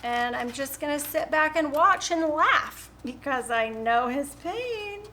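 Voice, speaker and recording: A woman's voice: high voice, lively intonation, takes it slowly, very noisy. A woman hosting a live painting stream from home, chatting casually and rambling, laughing often. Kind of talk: casual chat while painting.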